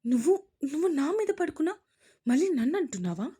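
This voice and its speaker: A woman voicing a feisty young wife who talks shrill, quick and scolding. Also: big pitch swings, dark tone, husky, full character voice. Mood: indignant.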